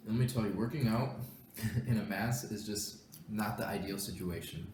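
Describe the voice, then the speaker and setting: Young adult man, lowish voice, relaxed mukbang chatter through mouthfuls, roomy echo, faint hiss behind. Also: normal speed. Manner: talks while chewing, mouth full. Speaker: vlogger. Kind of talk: casual mukbang chat.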